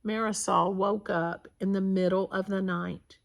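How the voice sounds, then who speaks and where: A woman reading a children's picture book aloud at storytime, with slow, clear storytelling. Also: mid-range voice, steady tone. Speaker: storytime reader.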